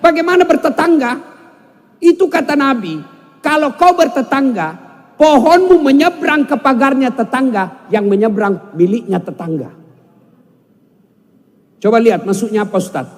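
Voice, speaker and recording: A man delivers a humorous sermon at a public gathering, teasing and addressing his listeners directly. His voice sits high. It carries a long, echoing reverb from a large hall. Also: normal speed, long pauses. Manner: joking, addresses the audience directly. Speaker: preacher.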